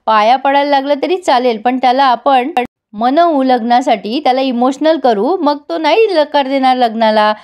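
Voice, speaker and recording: A woman narrating a TV serial recap to her viewers, retelling each character's lines herself in a lively storytelling way. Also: high-pitched, normal speed, clear, resonant tone. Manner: retells dialogue in character, addresses viewers directly.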